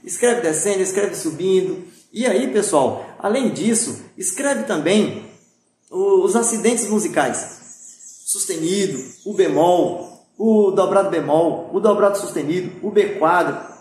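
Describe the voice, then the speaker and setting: A man's voice: high-pitched, expressive, unhurried, a little mellow, a little hiss or hum. A man giving a recorded music theory lesson, explaining patiently and checking often that his students are following. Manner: patient, repetitive explaining with frequent "pessoal" and "tá?". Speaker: music teacher. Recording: very echoey room.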